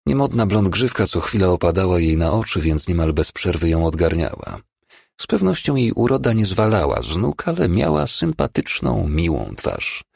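A man reading a novel aloud as an audiobook narrator, in an expressive way. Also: sits low, moderate pace, vocal fry, slightly rough, dry recording, clean studio sound. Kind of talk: scripted narration.

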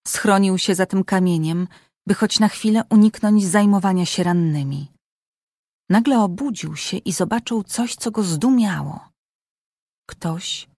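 Slow, measured woman narrating. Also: medium pitch, darkish tone, dry recording, studio quality. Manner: measured, suspenseful reading. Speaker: audiobook narrator. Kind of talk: dramatic audiobook narration.

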